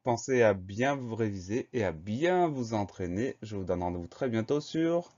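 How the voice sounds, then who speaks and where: A man teaching a spelling lesson, spelling each word slowly and carefully, letter by letter. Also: lowish voice, animated, darkish tone, muffled recording.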